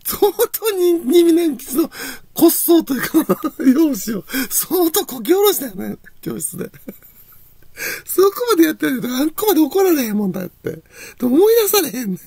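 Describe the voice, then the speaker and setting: A woman's voice: high-pitched, big pitch swings, moderate pace, creaky, warm tone, no room sound. A woman with a Kansai accent telling a rambling personal story, laughing often between phrases. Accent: Kansai Japanese. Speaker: channel host.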